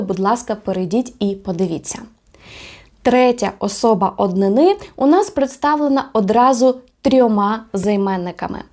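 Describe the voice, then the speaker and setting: A woman's voice: on the high side, darkish tone. Friendly woman teaching a video lesson. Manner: slow careful repetition of example words; friendly, encouraging, with fillers. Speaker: language teacher.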